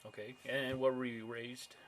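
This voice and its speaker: A man's voice: mid-range voice, flat delivery, normal speed. A man interviewing a friend for an oral history, asking questions casually with hesitant fillers.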